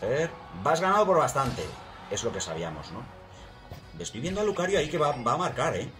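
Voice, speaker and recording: A man with a Spain accent commentating his own video game match, excitable and yelling at the action. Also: mid-range voice, a little fast. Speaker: gaming channel host. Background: game music.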